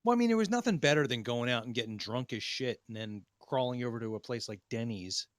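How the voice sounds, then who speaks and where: A man's voice: medium pitch, lively intonation, quick pace, no echo. A man hosting a podcast in casual banter, rambling with restarts and crude jokes. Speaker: podcast host.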